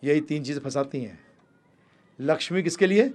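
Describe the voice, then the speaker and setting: A male spiritual teacher delivering a sermon in a fairly high voice. He is animated, rising to emphatic high-pitched calls and then dropping to low, quick asides, and he addresses listeners as "prabhu ji". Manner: ends with devotional sung calls.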